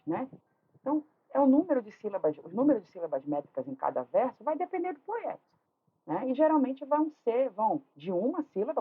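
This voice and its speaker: Lively, husky-voiced woman teaching. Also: fairly high pitch. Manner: explains step by step, frequent tag questions and restarts. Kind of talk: online literature lesson. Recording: tinny phone-like audio.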